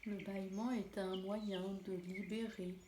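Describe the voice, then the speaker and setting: Slow, soothing woman guiding relaxation. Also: medium pitch, level tone. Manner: soothing, gentle, unhurried. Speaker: relaxation guide. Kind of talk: guided relaxation meditation. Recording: roomy echo, clear background noise, birdsong. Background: birdsong and nature ambience.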